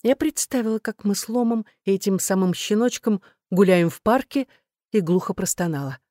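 A woman narrating a first-person novel as an audiobook, in a lively, sardonic storytelling manner. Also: mid-range voice, moderate pace, dry recording, studio quality.

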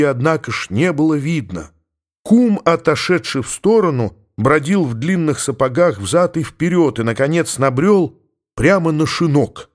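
A man reading a classic tale aloud as an audiobook narrator, with an expressive, lively delivery. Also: a little high. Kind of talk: storytelling narration.

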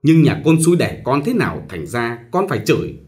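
A man's voice: medium pitch, very animated, fairly quick, darkish tone, natural voice. A man voicing a tearful, aggrieved young married woman in a storybook reading. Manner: tearful and complaining.

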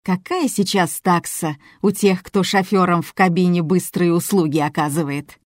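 A woman reading as a brash woman who taunts loudly and coarsely. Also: fairly low pitch, steady tone, moderate pace, no room sound, studio quality, lightly acted. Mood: taunting.

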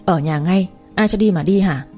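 A woman's voice: on the low side, normal speed, a little mellow, faint music behind, natural voice. A woman voicing a bossy middle-aged mother who scolds her daughter, in a read-aloud story. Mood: scolding.

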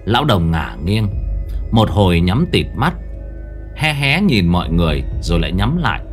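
A man's voice: deep voice, moderate pace, faint music behind. A man narrating a ghost story in a dramatic storytelling manner. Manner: dramatic, animated.

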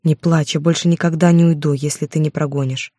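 A woman's voice: flat delivery, fairly quick, warm tone, dry recording, studio quality. A woman reading a blunt, remorseful lover. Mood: tender. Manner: curt, low-voiced. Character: remorseful adult man, lover, quiet and blunt.

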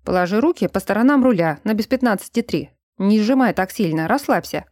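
A woman voicing a calm, confident young man who speaks like a patient instructor. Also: medium pitch, a little fast, no echo, studio quality, close to an everyday voice.

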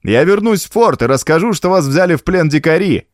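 A man's voice: on the high side, expressive, fairly quick, no room sound, clean studio sound, pitched above the performer's own voice, natural voice. A man voicing a scornful, cunning male woodsman in an audiobook, with a taunting, contemptuous manner. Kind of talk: audiobook character voice.

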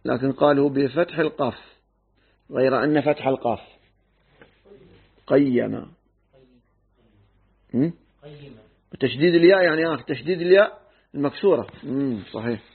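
A man teaching a Quran commentary lesson, measured and pausing to check readings. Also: mid-range voice, slightly rough. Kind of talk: tafsir lesson. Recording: tinny phone-like recording.

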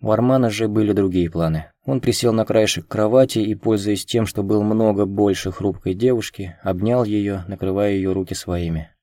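A man narrating a romance audiobook in a calm, even reading voice. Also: fairly low pitch, normal speed, few pauses, dry recording, clean studio sound.

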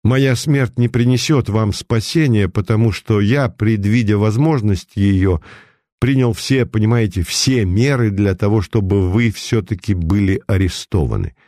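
A man voicing an unflappable police detective, calm and sarcastic, speaking in a measured way, in a dry recording. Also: on the low side, dry recording, lightly acted. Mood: cool.

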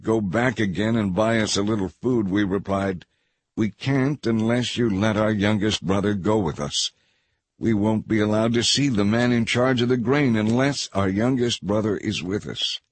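A man's voice: fairly low pitch, slightly rough, no echo. A man doing a desperate pleading brother.

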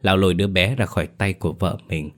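A man narrating a scripted horror story in a measured, steady storytelling manner. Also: sits low. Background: soft background music.

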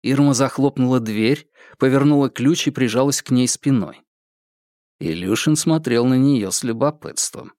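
A man's voice: medium pitch, normal speed, a little mellow, no echo, clean studio sound. A man reading a novel aloud as an audiobook narrator. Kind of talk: scripted narration.

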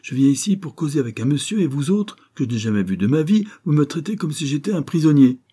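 A man's voice: a little high, sing-song, fast, mellow, husky, voice pushed up. A man voicing a stubborn, wheezing old male sailor in an audiobook reading. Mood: grumpy stubborn. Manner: grumbling, obstinate.

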